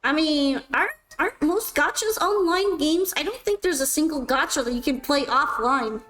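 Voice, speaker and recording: A woman's voice: sits high, animated, normal speed, a bit bright, poor audio. A woman streamer chatting casually with her viewers while playing, self-mocking and answering questions. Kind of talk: casual chat while gaming.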